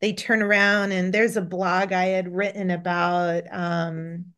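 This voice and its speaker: A middle-aged woman with a fairly low voice, chatting as an interview guest. She tells animal stories with many restarts and false starts. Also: little pitch movement, measured pace, a bit bright, smooth. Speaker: veterinarian and author, interview guest. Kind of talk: casual interview conversation.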